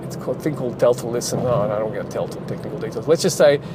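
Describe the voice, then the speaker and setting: Talking at a racing pace in a medium-pitched voice, this man, a game developer and channel host, chats loosely from behind the wheel. He uses lots of fillers and restarts his sentences, and road noise fills the car.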